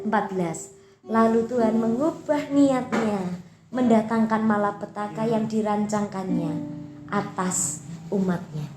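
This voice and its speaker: A woman pastor preaching emphatically, swinging between loud and soft, in an echoey church hall with loud guitar behind. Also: medium pitch. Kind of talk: sermon.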